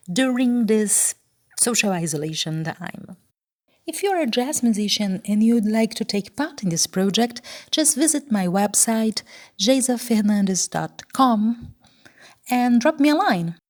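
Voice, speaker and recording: A woman hosting a podcast, reading a scripted introduction with clear, upbeat delivery and then asking interview questions. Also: medium pitch, darkish tone.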